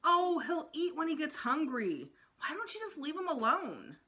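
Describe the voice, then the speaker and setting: A woman's voice: high-pitched, sing-song, normal speed, sharp tone, voice pushed up, heavily acted. A woman voicing an exasperated fourth-grade boy in a storybook, protesting emphatically.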